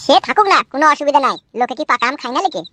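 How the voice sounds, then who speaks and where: A woman's voice: high-pitched, lively intonation, racing, pushed and bright. A woman voicing a pushy, lovesick village man in a comedy cartoon, wheedling and crude.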